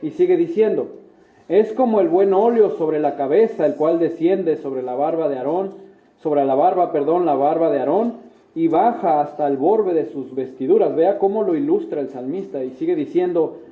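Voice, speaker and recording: An earnest male pastor preaching in a slightly high voice. His sermon rings through an echoey church, and the sound is thin and tinny, like a phone line. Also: moderate pace. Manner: earnest, addresses listeners as brothers, frequent "¿verdad?". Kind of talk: sermon with prayer. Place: church sanctuary.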